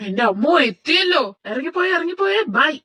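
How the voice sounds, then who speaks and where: A sarcastic young man on a bike, voiced by a woman, in a highish voice. He snaps and mocks in a fan-made audio story. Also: big pitch swings, quick pace, sharp tone, full character voice. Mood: mocking. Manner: mocking, snappy.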